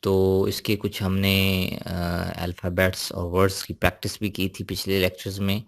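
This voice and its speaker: A man's voice: sits low, monotone, moderate pace. A man teaching an online language lesson, patiently explaining and drilling sounds one at a time.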